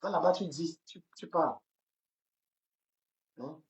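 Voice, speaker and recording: A woman's voice: low voice, slow pace, muffled recording. A woman from Cameroon, hosting a livestream and ranting angrily, repeating herself and stumbling over words. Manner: heated, repetitive, stammers on words. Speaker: livestream host. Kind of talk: angry livestream rant. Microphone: phone camera.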